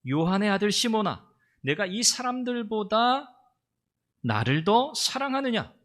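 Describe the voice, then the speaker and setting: A man's voice: fairly high pitch, animated, normal speed, fairly bright tone. A male pastor voicing a risen teacher who questions a disciple with blunt, casual questions. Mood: questioning.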